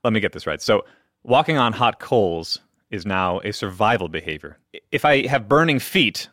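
A man's voice: lowish voice, expressive, moderate pace, a bit bright, dry recording, clean studio sound. A man co-hosting a medical radio show, reading health news with jokey, pun-filled banter. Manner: jokey, fond of puns.

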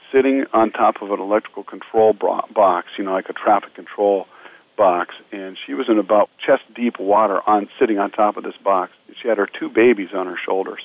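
A man's voice: fairly low pitch, no room sound. A man earnestly recounting his disaster relief work in a radio interview. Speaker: disaster relief medical team member. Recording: narrow phone-line sound.

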